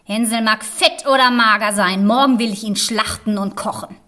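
Picture a wicked old child-eating witch, shrill and high, cackling and mocking as she lures and bullies, with a man putting on her voice. The voice sits far above an ordinary speaking voice and sounds pinched and strange. It is delivered as a storybook fairy tale reading. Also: normal speed, pushed and bright. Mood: cackling, spiteful.

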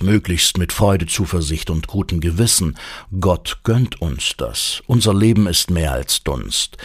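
A man with a very deep, slightly husky voice reads a short devotion in a calm, measured way. The sound is dry and close, with no room around it. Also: no room sound. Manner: calm, measured reading of scripture and reflection. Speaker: devotional reader. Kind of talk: scripted devotional reading.

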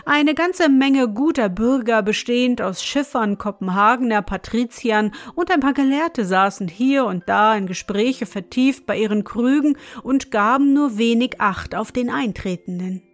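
A woman narrating an audiobook story in a measured storytelling manner. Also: a little high. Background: faint music.

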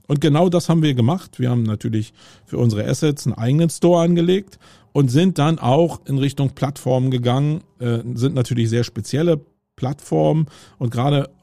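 Speaking at medium pitch with vocal fry and a mellow tone, a middle-aged German man delivers a casual solo podcast episode outdoors on a city street amid roadwork noise. He thinks aloud with plenty of fillers and restarts, and there's no echo.

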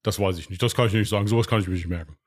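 Podcast co-host, male, rapid and husky, self-mocking chatter. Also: fairly low pitch. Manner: fast, rambling, self-deprecating with restarts. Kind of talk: casual chat.

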